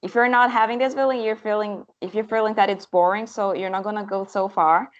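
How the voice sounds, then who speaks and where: A young language teacher whose first language is Portuguese answers interview questions eagerly, enthusiastic and talkative, with many restarts. Her voice is mid-range and steady in tone, her pace brisk, and the audio dull.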